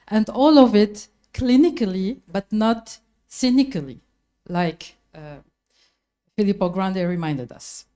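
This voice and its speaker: A woman hosting a graduation ceremony, speaking in a deliberate, formal way. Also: mid-range voice, darkish tone. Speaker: ceremony host.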